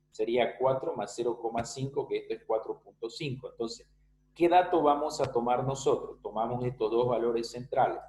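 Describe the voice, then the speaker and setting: A man's voice: medium pitch, a little mellow, a little hiss or hum, low-quality recording. Man teaching a math class online. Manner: explains step by step, often checking with students. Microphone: video call.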